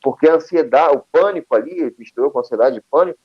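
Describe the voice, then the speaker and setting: Animated Rio man telling a story. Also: on the high side, quick pace, slightly rough, dull audio. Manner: animated, acts out quoted dialogue, many restarts. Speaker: guest telling a personal story. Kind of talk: casual storytelling.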